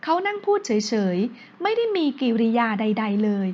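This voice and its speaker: A woman narrates a romance novel with a steady storytelling delivery. Her voice is high-pitched. The recording sounds dull and lo-fi. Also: measured pace.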